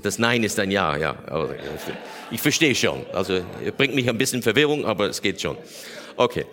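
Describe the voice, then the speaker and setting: A man preaching a sermon in a lively way, acting out quoted prayers in a higher voice. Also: fairly quick. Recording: long hall reverb.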